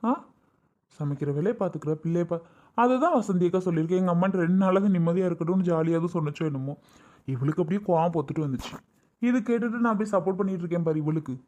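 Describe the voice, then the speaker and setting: An actor playing an exasperated husband in a family drama skit, complaining quickly about a family quarrel. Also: medium pitch, darkish tone, close to an everyday voice. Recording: dull lo-fi recording.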